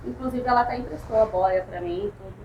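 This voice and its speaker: A woman with a Brazilian Portuguese accent telling a short anecdote in a training session, pausing to search for words. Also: mid-range voice, darkish tone, lo-fi sound, a little hiss or hum. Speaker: participant. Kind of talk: casual anecdote. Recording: echoey room, off-mic, faint background.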